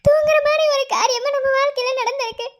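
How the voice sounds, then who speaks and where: In this cartoon love story, a frightened young woman expecting a baby pleads through tears, as a woman acts her out. Her voice sits extremely high and thin, almost childlike. She keeps sobbing as she begs. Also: unhurried. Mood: tearful pleading.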